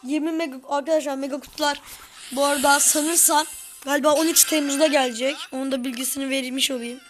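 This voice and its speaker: A young woman giving excitable live commentary on her gameplay, shouting orders at her teammates. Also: high voice, fast talker, soft background music. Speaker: gaming video host.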